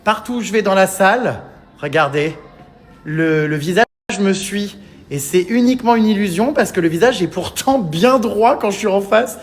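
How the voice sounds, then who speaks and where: A man hosting a vlog, giving excited commentary indoors in museum rooms, with exuberant, theatrical exclamations. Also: high voice, normal speed. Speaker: vlog host.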